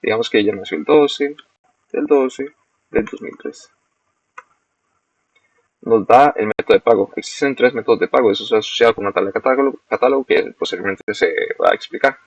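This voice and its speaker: A young man, a student walking through a screen-recorded software demo step by step and correcting himself as he goes. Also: mid-range voice, brisk, husky, dry recording. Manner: explains step by step, self-corrects. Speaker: student presenting a project. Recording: dull, lo-fi dry recording.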